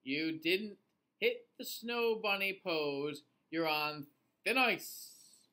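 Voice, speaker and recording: A man's voice: high voice, animated, drawn-out words, sharp tone, heavily acted. A man voicing a grumpy, strict old gnome judge in a storybook, grumbling and pompous. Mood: stern.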